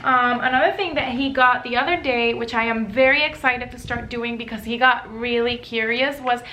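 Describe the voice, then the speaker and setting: A young homeschooling mom vlogger from Puerto Rico, a native Spanish speaker with a Puerto Rican accent, casually shows off workbooks in a rambling show-and-tell packed with "um" and "like." Her fairly high-pitched voice is sharp and moves at normal speed, and the rough recording carries a little hiss or hum.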